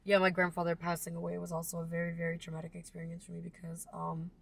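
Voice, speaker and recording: A woman in her twenties, a podcast guest telling stories in casual talk, animated and swearing easily, recorded in a car. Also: fairly low pitch, quick pace, vocal fry. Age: 20s. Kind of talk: casual conversation.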